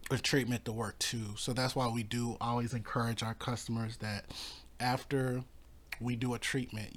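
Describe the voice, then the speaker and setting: Man, pest control owner, hoarse and coughing, halting delivery, fillers and restarts. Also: mid-range voice, a bit bright. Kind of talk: casual informational talk.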